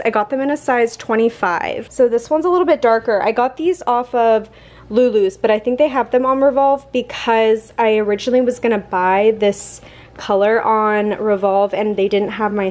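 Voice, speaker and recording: A woman in her twenties chatting casually in a vlog, excitable and full of "like". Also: a little high, a little hiss or hum, low-quality recording. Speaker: lifestyle vlogger.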